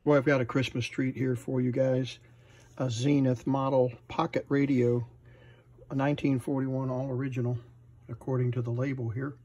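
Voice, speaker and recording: The recording is muffled as a middle-aged American man, host of a channel on fixing vintage radios, works through a relaxed repair demo in an indoor electronics workshop. He speaks at normal speed in a mellow, mid-range voice with a breathy edge and flat delivery, pausing to think aloud hesitantly.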